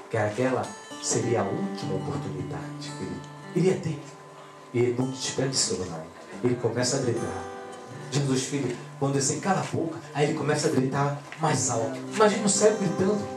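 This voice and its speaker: A man preaching a sermon, animated, swinging between loud exclamations and quiet asides. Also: mid-range voice, brisk. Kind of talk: pentecostal sermon. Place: church hall. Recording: echoey church with guitar music. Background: guitar playing.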